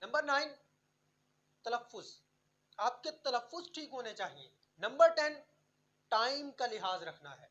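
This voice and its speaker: A woman narrating a scripted tutorial on public speaking, counting off numbered tips in a clear, instructive way. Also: a little high, big pitch swings, pauses often, fairly bright tone, muffled recording.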